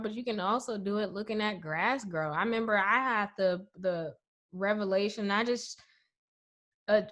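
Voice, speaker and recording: A woman's voice: mid-range voice, a bit bright. A woman speaking emphatically and passionately as a podcast guest. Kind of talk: casual conversation.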